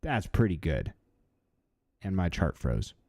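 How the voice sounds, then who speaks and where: A man in his thirties hosting a live stream, talking in a relaxed, chatty way with lots of fillers. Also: deep voice, slow, dry recording, clean studio sound. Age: 30s. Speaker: livestream host. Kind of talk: casual live-stream chat.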